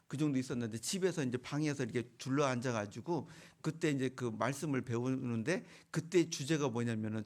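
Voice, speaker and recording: Middle-aged male pastor, gravelly voice, lively storytelling sermon delivery. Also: medium pitch. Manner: storytelling with rhetorical questions to the congregation.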